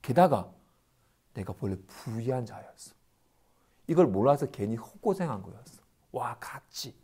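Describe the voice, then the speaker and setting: Buddhist monk lecturing in an animated way, his pitch swinging widely as he acts out little complaints. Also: slightly rough. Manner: animated, acts out everyday complaints in quick asides. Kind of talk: dharma lecture.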